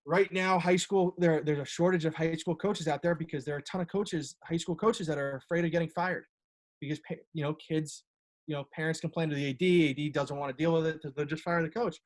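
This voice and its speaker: Rambling young coach on a call. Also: male voice, on the high side. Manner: rambling, many fillers and restarts. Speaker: college lacrosse assistant coach. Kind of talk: casual talk on a video call. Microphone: video call.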